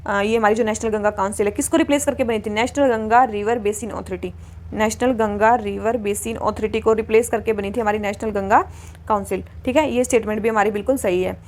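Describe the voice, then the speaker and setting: A woman's voice: medium pitch, fairly even intonation, a little fast, darkish tone, slight background noise. A young woman teaching exam preparation, chatty and repetitive as she walks through quiz answers and asks the class questions. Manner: chatty, repeats key points, asks questions. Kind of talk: explaining quiz answers, mixing Hindi and English.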